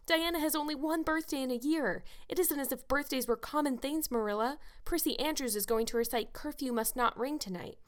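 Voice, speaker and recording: A woman's voice: high voice, fairly quick, hardly any pauses, pitched above the performer's own voice, close to an everyday voice. A woman voicing an eager, chattering young orphan girl who pleads breathlessly. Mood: pleading.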